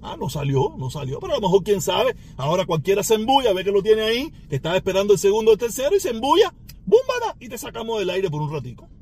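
A man's voice: high-pitched, sing-song, very fast, hardly any pauses, darkish tone, slightly rough. A man with a Cuban Spanish accent, ranting at a rival on his podcast in a taunting, sarcastic way with mocking laughs. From Cuba. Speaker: podcast host.

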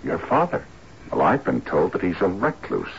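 A muffled drama soundtrack with some noise carries a shrewd private detective. His voice is very deep, and he lays out his case drily, with deliberate sarcasm. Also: huge pitch swings, creaky, full character voice. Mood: sardonic, scornful. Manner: dry, deliberate, sardonic. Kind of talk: screen drama acting.

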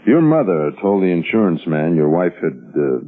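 Calm firm prosecutor, official, controlled, low varied pitch, vintage radio drama, muffled. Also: male voice, normal speed, faint music behind. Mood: calm, businesslike. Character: businesslike assistant district attorney, calm, firm questioner. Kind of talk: 1950s radio drama acting.

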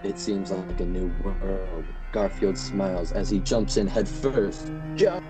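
A man giving a mock-dramatic spooky reading of comic strips, slow and theatrical. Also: low voice, music in the background, poor audio. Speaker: podcast co-host.

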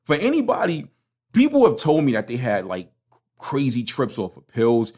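His medium-pitched voice swoops wildly, a little mellow and slightly rough, at a normal speed. He is a Brooklyn-accented man from Brooklyn, New York, hosting a casual solo podcast with slangy, emphatic, conversational delivery.

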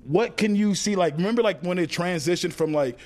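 Rambling young male host, slightly high voice. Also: a little fast, darkish tone. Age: 20s. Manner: rambling questions full of "like", laughs often. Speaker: host interviewer. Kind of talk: casual interview chat.

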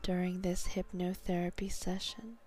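A woman guiding a hypnosis meditation in a calm, soothing, meditative tone, soft and breathy, sinking toward a whisper at phrase ends. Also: fairly low pitch, moderate pace. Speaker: hypnotherapy guide.

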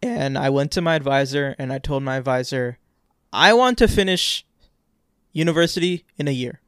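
Man in his twenties, podcast co-host, relaxed rambling chat, mid pitch, dry close sound. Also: normal speed, clear, resonant tone, no echo. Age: 20s. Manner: casual, rambling, repeats words. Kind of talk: casual chat.

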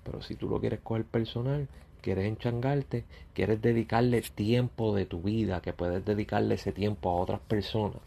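A man, a YouTuber talking bluntly and confrontationally straight at his critics in a ranting monologue, with a gravelly, husky voice. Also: fairly low pitch, fairly even intonation, moderate pace, mellow.

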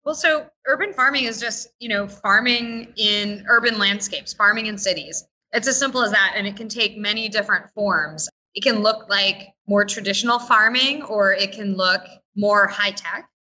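A woman's voice: medium pitch, normal speed, few pauses, bright, forceful tone, poor audio. A woman guest on a podcast, explaining her urban farm in a thoughtful, easy way. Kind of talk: podcast interview.

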